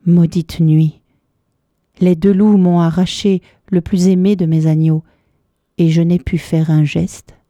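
A woman's voice: on the low side, fairly even intonation, slow pace, dark tone, no room sound, clean studio sound. A woman voicing a young shepherd in a fairy tale, speaking mournfully. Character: young grieving shepherd boy.

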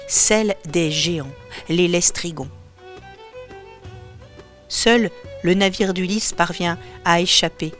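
A woman reading a storybook aloud in scripted narration, clear and expressive, in a reverberant recording with faint music behind. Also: lowish voice.

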